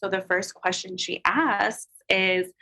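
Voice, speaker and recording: Bright-voiced woman telling a candid story. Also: medium pitch, steady tone, slow pace, vocal fry, poor audio. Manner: emotional and open, heavy use of "like" and "um" fillers. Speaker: podcast guest, photographer and business owner.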